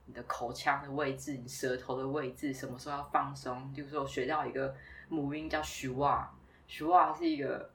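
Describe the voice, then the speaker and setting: A woman from Taiwan, a former doctoral student, chatting casually and telling stories in a lively way. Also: a bass voice, recorded from a distance. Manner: chatty, storytelling, laughs easily. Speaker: guest, former PhD student. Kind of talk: casual conversation.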